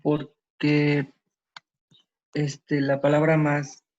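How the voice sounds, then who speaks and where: A man's voice: a little high, completely flat delivery, drawn-out words, darkish tone, dull audio. A young man, a student answering a teacher's question hesitantly, searching for his words.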